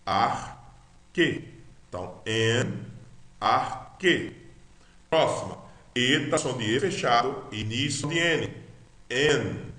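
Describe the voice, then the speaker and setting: A man's voice: mid-range voice, lively intonation, takes it slowly, long pauses, bright, forceful tone, reverberant. A man with a Brazilian Portuguese accent teaches a Greek lesson, spelling out each letter and sound and having the listener repeat after him. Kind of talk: slow recorded language lesson.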